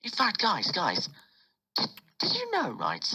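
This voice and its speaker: A British man in his late teens chats on his podcast. His husky voice sounds bright and forceful, and he rambles through stories with many restarts. His pitch swings widely as he talks. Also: huge pitch swings, unhurried, poor audio. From United Kingdom. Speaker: podcast host. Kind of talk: casual group chat.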